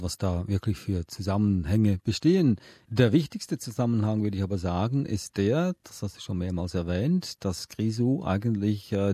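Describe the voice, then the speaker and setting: A man hosts a podcast on children's books in a conversational way. His voice sits a little low, dark and husky, recorded dry and close. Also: dry recording. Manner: conversational, presenting. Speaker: podcast host. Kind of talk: casual podcast hosting.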